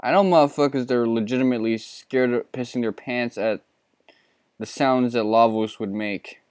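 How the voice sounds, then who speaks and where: Male let's player, 30s, casual and self-mocking, crisp and close, no room sound. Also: mid-range voice, moderate pace, a little mellow, dry recording. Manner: laid-back, profane and self-mocking. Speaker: let's play host. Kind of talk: casual gameplay commentary.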